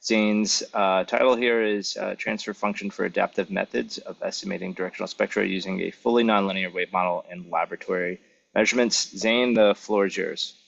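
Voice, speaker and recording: A man moderating an online seminar over video call audio, unhurried and full of fillers as he introduces speakers. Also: sits low, steady tone, vocal fry, fairly bright tone, dull audio.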